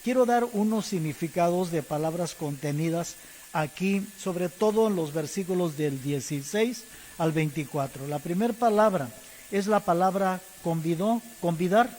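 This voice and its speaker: A man with a high voice preaches in a Mexican Spanish accent, his words hanging in the long echo of a church hall. He moves deliberately and spells terms out letter by letter, while a faint hiss runs under the recording. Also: darkish tone. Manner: addresses the congregation as brothers and church. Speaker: pastor. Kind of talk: sermon. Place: church service.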